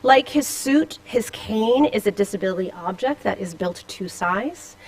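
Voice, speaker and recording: A woman's voice: mid-range voice, expressive, measured pace, low-quality recording. A woman presenting a scholarly paper at a conference, with a slight Boston accent, reading with casual asides and fillers in a lecture room. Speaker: conference speaker. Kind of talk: academic conference talk.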